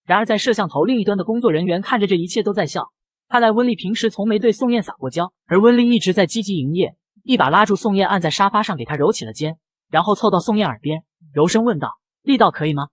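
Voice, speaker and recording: Fast, lively voice narrating a manga recap. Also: medium pitch, no echo. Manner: brisk, lively storytelling with quoted dialogue.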